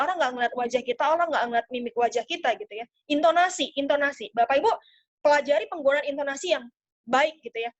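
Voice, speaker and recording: Woman sales trainer, high voice, lively webinar delivery, muffled call audio. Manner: lively, demonstrative, addresses audience often. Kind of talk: webinar coaching talk.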